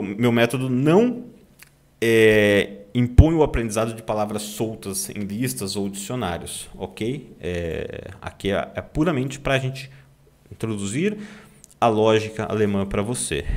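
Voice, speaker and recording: Man, Brazilian accent, German teacher, slow pace, animated pitch, typing behind. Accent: Brazilian Portuguese. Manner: slow, drawn-out demonstration of German words, frequent "tá?" check-ins. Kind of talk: online language lesson.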